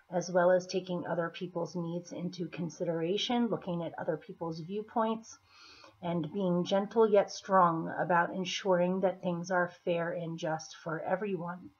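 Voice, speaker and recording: A woman gives a casual tarot reading, her low-ish voice slightly hoarse and scratchy. She explains the cards unhurriedly and deliberately, pausing along the way. The audio is dull, muffled, and lo-fi.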